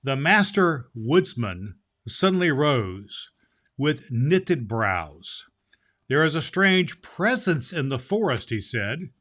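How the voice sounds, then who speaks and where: A man playing a kindly old Santa Claus, hosting a children's story show in a halting, explanatory way. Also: fairly high pitch, a bit bright. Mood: storytelling.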